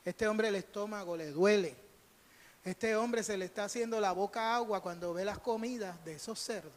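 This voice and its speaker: During a live service in a church sanctuary, a Puerto Rican pastor from Puerto Rico preaches with a high-pitched voice and a Puerto Rican Spanish accent. His delivery is conversational and story-driven, emphatic, with repeated phrases and acted-out snippets of dialogue. The recording carries the echo of a reverberant hall.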